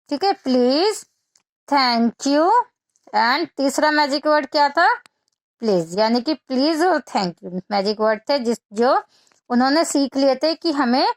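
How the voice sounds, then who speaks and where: A woman's voice: high-pitched, no room sound, studio quality. A woman teacher, telling a children's story as a lesson, asking questions and explaining phrases in Hindi. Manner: asks questions and answers them, explaining English in Hindi; reads English lines very slowly and deliberately.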